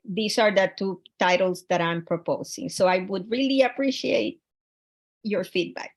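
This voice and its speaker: A woman from Honduras presenting her research proposal over a video call, earnest and halting, with frequent fillers and restarts. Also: mid-range voice.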